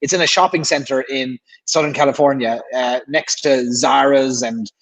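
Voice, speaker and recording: A man's voice: mid-range voice, moderate pace, poor audio. A man hosting a casual livestream, chatting at ease and reading out viewer questions. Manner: relaxed, reads viewer questions aloud. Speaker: livestream host.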